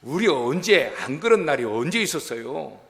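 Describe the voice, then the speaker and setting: A middle-aged male pastor preaching a sermon in a church, folksy and animated, acting out quotes from his congregation. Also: a little high, normal speed, gravelly. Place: church sanctuary. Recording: long church hall reverb.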